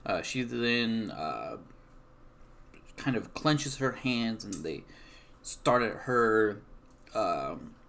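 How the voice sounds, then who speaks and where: A man improvising tabletop game narration as game master, casual and halting as he searches for words. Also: fairly low pitch, very animated, creaky, a bit bright.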